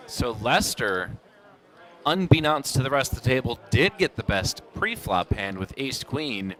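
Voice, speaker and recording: Male poker commentator, bright forceful tone, mid-pitched, measured live play-by-play. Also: very animated.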